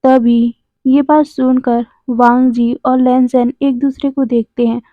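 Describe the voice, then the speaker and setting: A woman's voice: sits high, flat delivery, measured pace, no room sound, phone-quality sound. A woman narrating a fan fiction story, reading out the characters' lines in a slightly lifted voice, recorded on a phone. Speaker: fanfiction narrator. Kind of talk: storytelling narration with acted dialogue.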